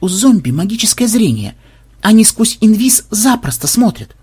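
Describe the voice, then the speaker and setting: Man voicing Ksen, brash yelling warlock. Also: high voice, moderate pace, husky, voice pushed up, heavily acted. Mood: puzzled. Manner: loud, excitable, often yelling. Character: brash cunning male warlock programmer, young adult.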